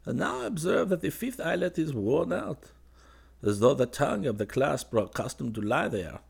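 A man voicing a drowsy young painter who murmurs softly and dreamily to a cat. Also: a little high, sing-song, moderate pace, gravelly, slightly rough, voice pushed up, full character voice. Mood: musing. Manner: soft, dreamy, musing.

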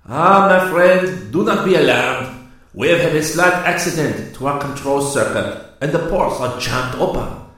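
A man voicing a suave French cruiser commander who talks smoothly and with false reassurance. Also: a little high, lively intonation, measured pace, a bit bright, heavy reverb, pitched above the performer's own voice.

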